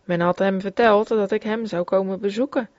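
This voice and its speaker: A woman reads an old devotional memoir in a steady, solemn voice, in no hurry. Her pitch sits in the middle. The recording is dry and a little dull, as if made close to a plain home mic. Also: moderate pace, no room sound. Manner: steady, solemn reading in formal old-fashioned Dutch. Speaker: reader. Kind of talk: reading a religious memoir aloud.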